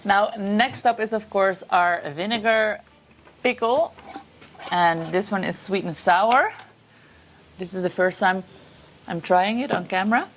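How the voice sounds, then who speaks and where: A woman hosting a cooking video and walking through a recipe with steady step-by-step instructions. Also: mid-range voice, unhurried, pauses often, slight background noise. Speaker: cooking show host.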